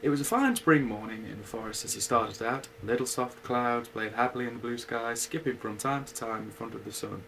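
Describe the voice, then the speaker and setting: Gravelly man reading a bedtime story. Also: mid-range voice, a bit bright, a little hiss or hum, low-quality recording. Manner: unhurried, with casual asides. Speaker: reader.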